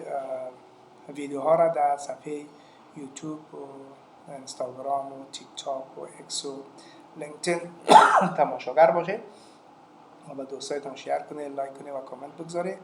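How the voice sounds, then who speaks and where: A man with an Afghan Dari accent teaching an online English lesson, talking patiently and repeating each word slowly with many hesitations. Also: fairly high pitch, fairly even intonation, gravelly. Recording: echoey room with faint noise.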